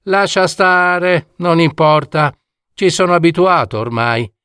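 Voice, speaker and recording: A man's voice: a little high, takes it slowly, pushed and bright, clear, resonant tone, dry recording, clean studio sound, pitched above the performer's own voice. A man voicing a chatty, know-it-all male talking dormouse in a fairy tale he reads aloud, speaking eagerly and proudly. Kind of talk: storybook reading.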